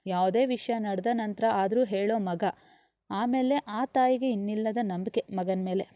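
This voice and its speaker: A woman puts on a caring middle-aged aunt from a family storybook, coaxing and puzzled. Her voice is mellow in a dry, slightly dull recording. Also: medium pitch, moderate pace, dry recording, lightly acted.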